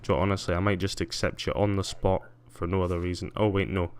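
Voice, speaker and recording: Low-voiced man streaming a game. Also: little pitch movement, fast talker, a little hiss or hum. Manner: chatty, self-mocking, mutters while playing. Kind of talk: casual gameplay commentary.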